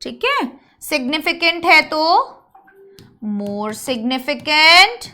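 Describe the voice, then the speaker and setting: A woman teacher giving an online English grammar lesson, mixing Hindi explanation with English terms and drilling word forms slowly one by one. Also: high-pitched, big pitch swings, pushed and bright.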